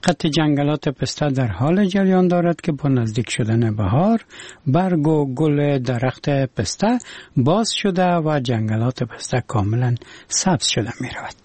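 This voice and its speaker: A husky, mellow Afghan man reads scripted radio news. The sound is close and dry, his pitch in the middle range for a man. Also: animated, dry recording.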